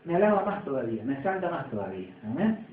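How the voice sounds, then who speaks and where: A man's voice: a little high, sing-song, fast talker. A man with an Argentine accent preaching a sermon as a pastor, in conversational style with rising and falling emphasis. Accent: Argentine Spanish. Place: church. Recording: echoey distant phone-like church recording.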